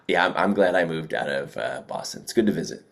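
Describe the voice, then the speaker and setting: A man's voice: deep voice, expressive, normal speed, vocal fry. A middle-aged man from the Philadelphia area with a Delco accent, co-hosting a casual podcast and rambling through stories. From Delaware County, Pennsylvania. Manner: rambling, storytelling, frequent likes and ums. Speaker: podcast co-host. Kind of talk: casual chat.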